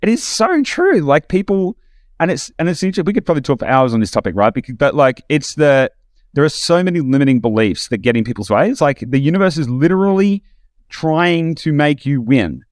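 A man's voice: mid-range voice, animated, fast talker, a little mellow, dry recording. Male host, mid-range voice, casual reflective musing, dry studio sound. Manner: reflective, enthusiastic, rambling with restarts. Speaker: podcast host. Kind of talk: casual podcast conversation.

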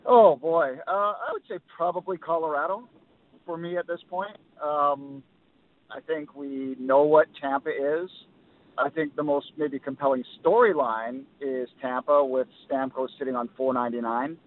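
A man's voice: a little high, moderate pace. A man calling in from his car as a hockey insider, giving thoughtful, hedged analysis with many ums. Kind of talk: phone-in sports analysis. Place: car while driving. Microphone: phone. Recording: tinny phone line.

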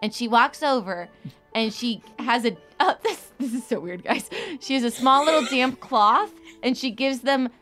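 A woman's voice: a little high, normal speed, a bit bright, soft background music. A woman playing a tabletop game, giggling as she describes her character's actions. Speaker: player.

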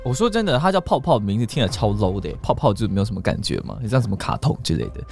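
A man's voice: fairly low pitch, big pitch swings, very fast, vocal fry, a little mellow. A young man with a Taiwanese Mandarin accent jokes with his co-host, his voice swinging up and down with feeling. Faint music sits under the chat. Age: 20s. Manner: playful, jokey. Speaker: podcast co-host. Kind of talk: casual chat.

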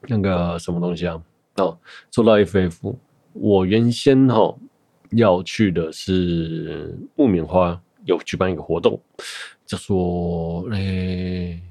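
Deep-voiced man in rambling casual chat. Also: creaky, a little mellow, no room sound, studio quality. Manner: rambling, self-correcting storytelling. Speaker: podcast host.

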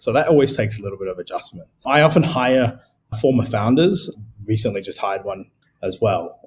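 A man's voice: fairly low pitch, a little mellow, slight background noise. A man who grew up in Australia, a guest in a podcast interview, talking in a conversational way with fillers. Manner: conversational, thinking aloud with fillers.

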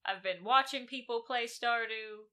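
Bright-toned laid-back woman podcast co-host. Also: a little high, moderate pace. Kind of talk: casual podcast chat.

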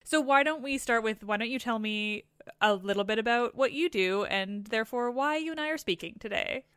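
A woman's voice: on the high side, a little fast, fairly bright tone, smooth, dry recording, clean studio sound. A young Canadian woman hosting a podcast, chatting casually and with self-deprecating humour. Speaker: podcast host. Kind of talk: casual conversation.

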